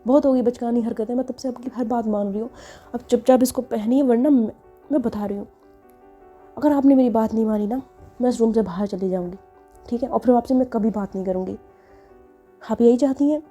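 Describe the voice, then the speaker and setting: A woman voicing a shy young woman who scolds in a flustered, quick way. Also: a little high, dark tone, faint music behind, lightly acted. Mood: scolding.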